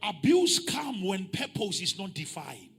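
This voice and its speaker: A bishop preaching a sermon at a pulpit microphone, moving between calm teaching and loud, shouted climaxes. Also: male voice, high voice, a little slow, gravelly, breathy edge. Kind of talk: sermon, mixing English and Sesotho. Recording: music playing behind.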